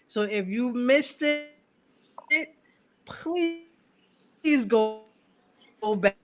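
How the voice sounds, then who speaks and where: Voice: mid-range voice, animated, extremely slow, a little hiss or hum. A podcast host welcoming a guest back after a break in an upbeat, playful way. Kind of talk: casual podcast hosting.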